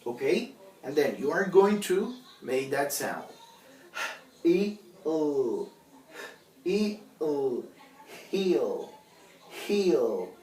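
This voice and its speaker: Slow, patient male phonics teacher. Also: mid-range voice, darkish tone. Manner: patient and drawn-out, repeats each sound, checks with "okay?"; switches between English and Spanish to explain. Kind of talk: slow phonics lesson, sounding out letters. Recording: roomy, distant mic, faint background noise.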